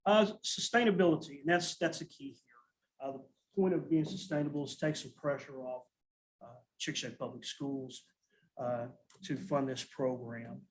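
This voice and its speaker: A man, a school nutrition director, presenting a financial report at a school board meeting in a steady, matter-of-fact way, often restarting his sentences. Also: medium pitch, normal speed, poor audio.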